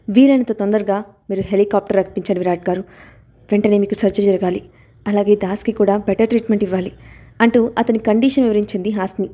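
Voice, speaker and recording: A woman narrates a serialized novel in a warm, mellow voice. Her reading is steady and plain, with only a light touch on the characters' lines. Her pitch sits in the middle range. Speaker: storyteller. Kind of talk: scripted story narration.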